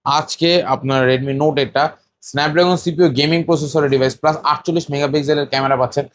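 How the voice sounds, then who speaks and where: A man with a Bangladeshi Bengali accent, a shop seller rattling off phone specs and offer prices in a rapid sales pitch. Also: fairly even intonation, a little hiss or hum.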